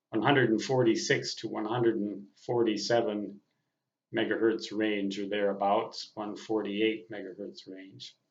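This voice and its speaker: A veteran amateur radio operator in his sixties gives a casual, reflective monologue in a mid-pitched, fairly bright voice, speaking slowly and deliberately, halting between phrases and stressing some. The audio is slightly dull and muffled, with noticeable echo from a roomy space.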